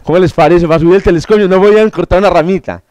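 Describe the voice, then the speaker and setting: A man with a high voice runs a classroom quiz review. He jokes, wanders off topic and stumbles into restarts. His voice comes through dry and close, with no room sound. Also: racing, a little mellow, dry recording. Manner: joking, digressive, with stammered restarts. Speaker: astronomy course instructor.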